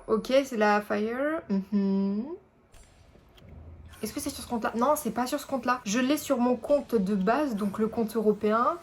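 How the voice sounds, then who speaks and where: A young woman chatting casually over mobile game summons, rambling with many fillers and self-corrections. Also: a little high. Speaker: gaming YouTuber. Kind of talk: casual gameplay commentary.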